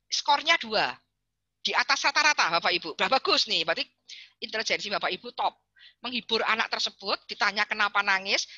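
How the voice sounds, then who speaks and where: Woman, chatty playful webinar speaker, sharp bright tone, dry close sound. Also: high-pitched, no room sound, lo-fi sound. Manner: chatty and playful, addresses the audience often and reads out chat answers. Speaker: psychologist giving a webinar talk to parents. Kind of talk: lively webinar talk.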